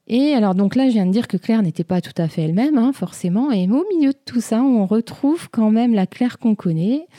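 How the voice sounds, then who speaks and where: A woman talks through a television episode in an unscripted, reflective way, pausing often with filler sounds and restarting phrases. Her voice sits a little low and has a very dark, mellow tone. The recording is dry, with almost no room sound. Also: gravelly, dry recording. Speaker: show reviewer. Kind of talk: casual episode commentary.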